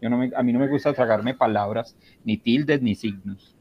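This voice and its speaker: Gravelly, emphatic man. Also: mid-range voice, moderate pace, highs cut off. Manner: emphatic, enthusiastic about books, laughs often. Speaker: literature teacher, guest. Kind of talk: conversational interview.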